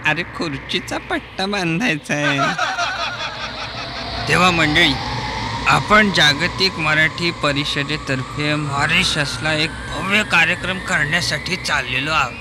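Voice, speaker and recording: A man with a Marathi accent, performing a mimicry comedy sketch and switching quickly between impressions of film actors. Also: fairly high pitch, big-room sound, noisy background. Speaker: mimicry artist.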